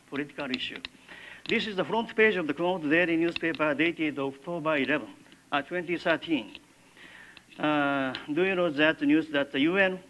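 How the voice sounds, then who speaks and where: An older Japanese-accented man delivers a classroom lecture, stopping often to search for words. His voice sits a little high for a man. A faint hiss of noise lies under the room. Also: fairly bright tone, muffled recording. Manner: halting, many filler pauses. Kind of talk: university lecture.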